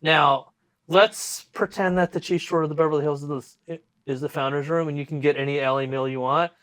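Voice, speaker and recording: A man's voice: on the high side, fairly quick, no echo. A man hosting a podcast, telling stories in casual chat, swearing often and talking with energy. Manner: profane, storytelling, animated. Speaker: podcast host.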